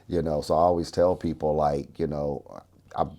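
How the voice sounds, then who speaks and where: A man's voice: rumbling low, little pitch movement, moderate pace, warm tone. A man who is a guest on an interview show, talking earnestly about his youth program and his faith. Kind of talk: casual interview chat.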